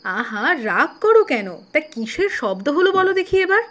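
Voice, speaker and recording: An actress playing a caring, anxious young wife in an audio drama, questioning and affectionate. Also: female voice, high voice, sing-song, normal speed, fairly bright tone. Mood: worried. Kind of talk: Bengali audio drama acting.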